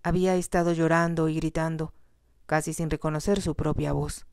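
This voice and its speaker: A woman narrating a romance novel aloud in a soft, steady reading voice. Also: deep voice, normal speed, smooth, dry recording, studio quality. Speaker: storyteller.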